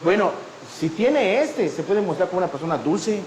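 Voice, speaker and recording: Animated high-voiced preacher, echoey hall. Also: male voice, normal speed, slight background noise. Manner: animated preaching, acting out the people in his stories. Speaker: pastor. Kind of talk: sermon.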